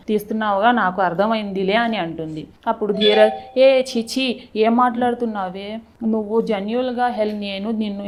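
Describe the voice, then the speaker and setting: A woman's voice: medium pitch, a little mellow. A woman recapping a TV serial episode, narrating the plot and speaking the characters' lines with frequent restarts. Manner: quick retelling with frequent restarts and self-corrections. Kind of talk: retelling a TV serial episode with quoted dialogue.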